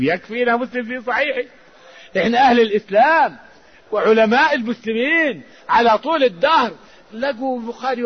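A man's voice: sits high, breathy edge. A man giving a religious lesson as an Islamic scholar, fervent, with raised emphatic outbursts. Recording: dull lo-fi recording.

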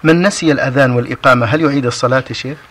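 A man's voice: medium pitch, very fast, fairly bright tone. A man hosting a religious program, asking questions with deferential, formal address. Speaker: program host posing questions. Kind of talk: respectful question-and-answer.

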